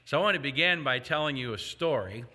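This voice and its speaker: Fast and animated, with a medium-pitched, sharp voice, an older pastor delivers a sermon in a reverberant hall. He addresses the congregation in a folksy way, cracking jokes and telling stories.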